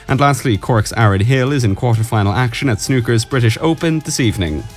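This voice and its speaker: A man's voice: medium pitch, expressive, a little fast. A man reading a scripted radio sports bulletin. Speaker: radio news and sports reader. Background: music.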